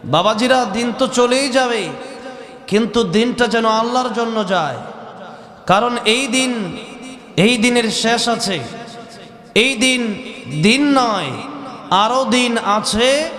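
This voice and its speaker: A man preaching to an outdoor crowd, his voice high and carried by a long, roomy echo. He chants his phrases and calls on the crowd to answer aloud. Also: takes it slowly, pauses often, fairly bright tone. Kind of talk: sermon with sung storytelling. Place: outdoor gathering in fog.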